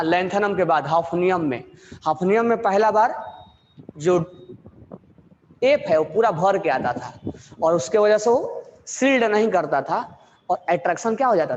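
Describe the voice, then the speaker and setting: Man, high voice, chemistry lecture, repeats phrases slowly, classroom. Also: in a large hall, muffled recording. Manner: asks questions and answers them himself, repeats key phrases slowly. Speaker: chemistry teacher. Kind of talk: classroom lecture in Hindi mixed with English.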